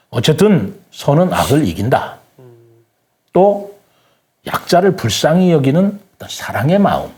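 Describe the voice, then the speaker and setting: An older man with a medium-pitched, dark-toned voice appears as an interview guest. He shares his opinions earnestly, speaking deliberately, formally and politely.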